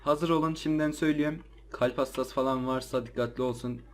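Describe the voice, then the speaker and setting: A man's voice: mid-range voice, fairly even intonation, a little fast, slight background noise. A man with an ordinary, middle-range voice chats loosely to his audience as he plays. He sounds jittery and easily startled, and his casual talk jumps into yelps. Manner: jumpy, easily startled, slangy chatter to viewers. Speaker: let's play gamer. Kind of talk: casual gameplay commentary.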